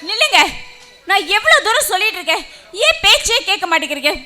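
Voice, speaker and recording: A woman plays an anxious wife in a melodrama, urgently pleading. Her very high voice is lively and sharply bright, with faint music behind. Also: fast talker, exaggerated voice.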